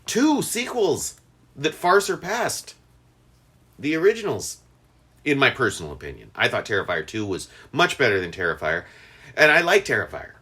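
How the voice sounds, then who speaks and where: A man's voice: normal speed, breathy edge. A man co-hosting a podcast in casual chat, rambling with fillers and restarts. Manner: rambling, many fillers and restarts, lively pitch. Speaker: podcast co-host.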